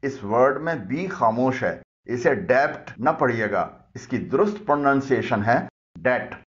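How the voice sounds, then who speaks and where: Man calmly explaining word pronunciations. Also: mid-range voice, measured pace, muffled recording. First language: Urdu. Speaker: language teacher. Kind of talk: explanatory lesson.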